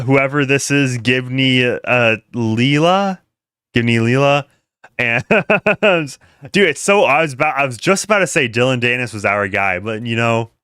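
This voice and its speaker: A man's voice: mid-range voice, fairly bright tone, smooth, no room sound, studio quality. A young man rambling through casual livestream commentary, laughing often and restarting his sentences. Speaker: commentary streamer.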